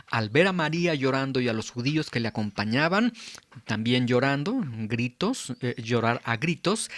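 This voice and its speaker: A man preaching an expository Bible sermon as pastor, teaching earnestly and emphatically with frequent pauses. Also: mid-range voice, fairly bright tone, dry recording.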